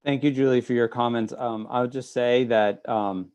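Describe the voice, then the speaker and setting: A man chairs a public meeting over a video call. He calls on speakers in a halting way, filling gaps with ums. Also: medium pitch, steady tone, a little mellow, smooth. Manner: halting, filler-heavy.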